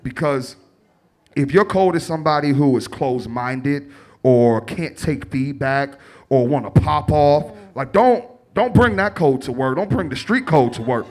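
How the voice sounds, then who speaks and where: A young man from Chicago, United States, with a matching accent sits on a tech panel, telling stories animatedly, acting out quotes and laughing often. His mid-range voice is expressive and a little slow, with a darkish tone.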